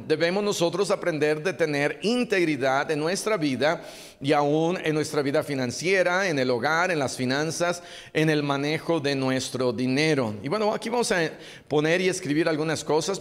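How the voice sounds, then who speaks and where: A man's voice: a little high, long reverb tail. A man preaching a sermon as a pastor, earnest and exhorting, repeating his key phrases. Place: church hall.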